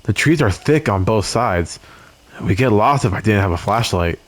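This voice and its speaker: A man's voice: fairly low pitch, expressive, moderate pace. A man hosting a game video, reading the game text aloud and reacting with jittery swearing and nervous laughs. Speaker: let's play host.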